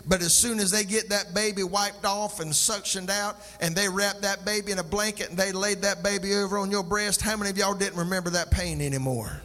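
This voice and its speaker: A man's voice: sits high, steady tone, a little fast, few pauses, bright, forceful tone, long reverb tail, soft background music. A male pastor preaching a sermon, calling out to the congregation for response and sliding into a sung, rhythmic cadence. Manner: call-and-response, sing-song preaching cadence.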